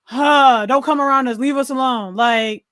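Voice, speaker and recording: An American woman co-hosts a relaxed film podcast, thinking out loud as she chats about movies. Her voice is high and a bit bright, with a clean tone, a moderate pace, and no room sound.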